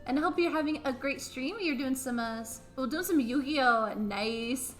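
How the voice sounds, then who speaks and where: A young woman hosting her stream, chatting excitably, swearing casually and tripping over her words. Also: sits high, normal speed. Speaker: VTuber streamer host. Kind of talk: casual stream chat and game voice acting.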